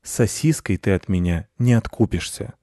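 A man's voice: fairly low pitch, moderate pace, warm tone, no echo, studio quality, close to an everyday voice. A man voicing a lazy, self-important male house cat who lectures in a storybook reading. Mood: lecturing. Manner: pompous and lecturing.

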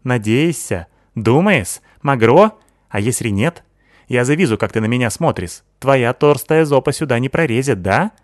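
A man's voice: mid-range voice, animated, moderate pace, no room sound, studio quality, voice pushed up, lightly acted. A man voicing a vain, fussy young woman who lisps, swapping z for zh, and talks in a whiny, indignant way. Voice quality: lisping, says z for zh.

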